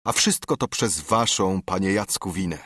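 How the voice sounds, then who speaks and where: A man's voice: low voice, moderate pace, a bit bright, no room sound, clean studio sound. A man voicing a stubborn older steward who speaks bluntly and sternly in a verse audiobook reading.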